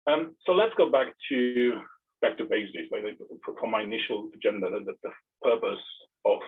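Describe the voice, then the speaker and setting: A man in his thirties from Romania, giving an online tech presentation in a halting way, often repeating words before going on. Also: on the low side, expressive, breathy edge. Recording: tinny, phone-like narrow audio.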